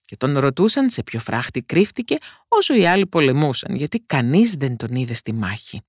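A woman narrating a fairy tale for a podcast, expressive and switching voices for characters. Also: rumbling low, breathy edge, no echo, studio quality. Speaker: storyteller.

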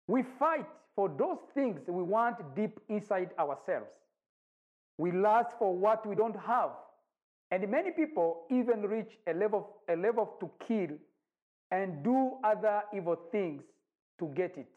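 Man, forties, evangelist, deliberate unhurried sermon, muffled lo-fi sound. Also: sits high, lively intonation, darkish tone. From Rwanda. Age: 40s. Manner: measured, deliberate preaching with long pauses. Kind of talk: recorded sermon. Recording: dull lo-fi recording.

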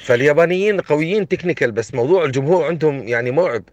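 An Omani man makes casual, opinionated sports chat. He speaks quickly in colloquial style, in a dry and slightly dull studio recording. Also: a little high, lively intonation, a little mellow, no room sound. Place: radio studio.

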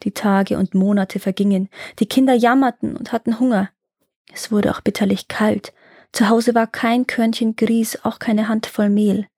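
A woman reading a fairy tale aloud in a calm, measured way. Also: medium pitch, no room sound, studio quality. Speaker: storyteller.

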